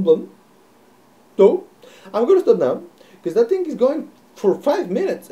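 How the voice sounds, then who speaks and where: Young man from Bulgaria, webcam vlog, mellow voice with a lively swinging pitch, talks close to the camera. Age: young adult. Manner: animated, gestures a lot, repeats phrases for emphasis. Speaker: video creator. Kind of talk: reflective webcam monologue. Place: small bright room indoors. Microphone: webcam at close range, filmed from below.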